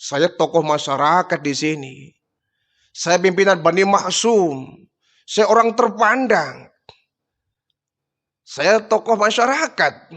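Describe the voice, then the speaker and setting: A man's voice: high voice, expressive, slow, pauses often, fairly bright tone, full character voice. A man playing a cruel, arrogant male chief who boasts and threatens, within a storytelling sermon. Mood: indignant.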